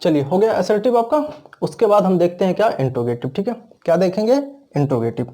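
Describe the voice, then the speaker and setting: Mellow-voiced man teaching grammar. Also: high-pitched, lively intonation, fast talker. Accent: Indian. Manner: explains step by step, asks and answers his own questions. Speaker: English teacher. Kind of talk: classroom grammar lesson.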